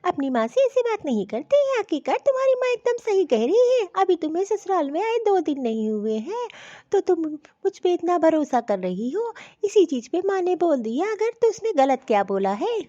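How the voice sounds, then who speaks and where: Woman voicing a gentle mother-in-law. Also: extremely high pitch, big pitch swings, normal speed, few pauses, no room sound, muffled recording. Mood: coaxing. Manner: gentle, advising. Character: kind middle-aged mother-in-law.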